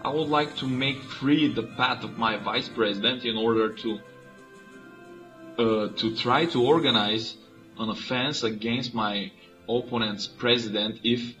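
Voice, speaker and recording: Bulgarian man calmly explaining a board game. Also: mid-range voice, unhurried, soft background music, low-quality recording. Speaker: player. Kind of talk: let's play commentary.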